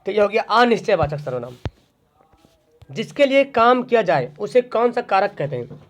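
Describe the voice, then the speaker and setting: Teaching grammar for exam prep online, a man poses questions and then answers them himself as a drill. His high voice has a sing-song quality at normal speed, and the recording is dull and lo-fi.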